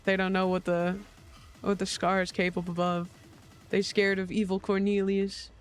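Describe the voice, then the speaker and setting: A man's voice: high voice, monotone, normal speed, clean tone, faint music behind. A man streaming a video game, chatting casually, joking, laughing often and swearing freely, tired after little sleep. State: tired after a long night.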